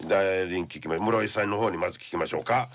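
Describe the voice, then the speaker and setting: A man hosting a radio show in a studio, speaking with a Kansai accent and a playful, chatty manner full of quick jokes. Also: low-pitched. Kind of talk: casual studio interview.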